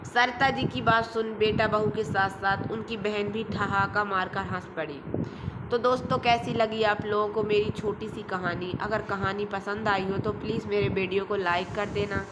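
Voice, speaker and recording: A woman's voice: medium pitch, steady tone, moderate pace, noisy background. Woman narrating a family story.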